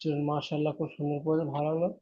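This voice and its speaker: A man teaching Quran reading, chanting letter and vowel drills and correcting students gently. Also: a little high, monotone. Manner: chanting syllables, brisk explanations, gentle corrections. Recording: dull lo-fi recording.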